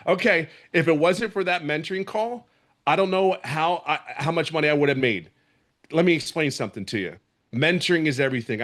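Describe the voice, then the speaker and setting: A middle-aged man from Philadelphia, speaking with a Philadelphia accent, gives a passionate, emphatic testimonial and often repeats himself. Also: on the high side. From Philadelphia, USA. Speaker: program member giving a testimonial. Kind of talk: emotional testimonial on a video call.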